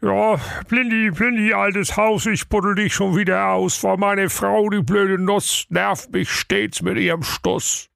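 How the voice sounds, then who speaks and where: A man's voice: sits high, unhurried, creaky, hardly any pauses, fairly bright tone, no room sound, studio quality, voice pushed up, exaggerated voice. Good-natured, put-upon working man in a comic audio fairy tale, weary and exasperated, voice a bit lifted, played by a man. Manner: weary, exasperated, sing-song rhymes. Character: good-natured, henpecked middle-aged excavator driver.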